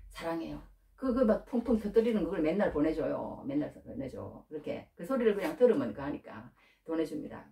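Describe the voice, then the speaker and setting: A woman pastor preaching a sermon, emotional and conversational, rising to high bursts. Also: a little mellow. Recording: roomy echo from far off.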